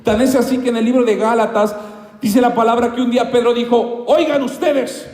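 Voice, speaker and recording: A man preaching with passion, his high voice leaping up and then dropping low. The sound carries through a large, echoey church with a long reverb tail. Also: level tone, a little fast. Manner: impassioned, swinging between loud highs and quiet lows. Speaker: pastor. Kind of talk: sermon.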